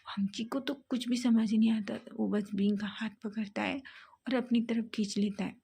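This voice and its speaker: A woman's voice: on the high side, fairly even intonation, normal speed, creaky, mellow, husky. A woman reading a fan fiction love story aloud in a plain storytelling manner.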